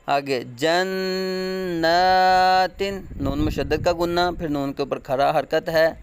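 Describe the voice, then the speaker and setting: A man with a Pakistani Urdu accent teaching Quran recitation, spelling out letters and words slowly and loudly, then explaining the rules quickly in a lower voice. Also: fairly even intonation, slight background noise.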